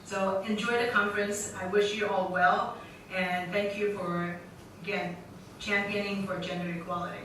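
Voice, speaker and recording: A woman speaking for the school gives a measured, upbeat welcome address. Her voice booms through a very reverberant hall, picked up from far away. Steady room noise runs underneath. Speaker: school representative. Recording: very echoey hall, distant mic, noisy.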